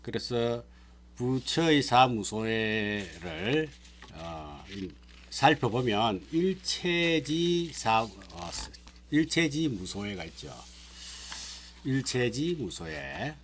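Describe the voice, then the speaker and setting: A man, a Buddhist monk, giving a sutra lecture and explaining terms one by one, pausing to check that listeners follow. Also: medium pitch, big pitch swings, fairly bright tone, slight background noise.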